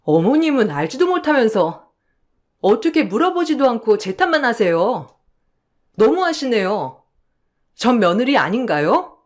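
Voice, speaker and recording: A rude young sister-in-law complains in a high, whiny, petulant voice, as a woman narrator puts her on. She sounds entitled and easily offended. It is read aloud like a radio drama. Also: big pitch swings, measured pace, pauses often.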